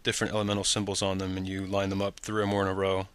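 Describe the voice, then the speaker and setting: Male podcast host, low pitched and bright, relaxed rambling delivery. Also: very fast, clean tone. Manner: laid-back, rambling with ums. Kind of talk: casual podcast chat.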